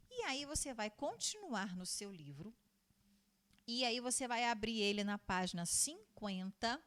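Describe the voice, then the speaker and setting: A woman, a primary school teacher giving a recorded lesson to young children, patiently repeating points, answering her own questions and drawing out words slowly. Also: fairly high pitch. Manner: stretches out words slowly when spelling them out.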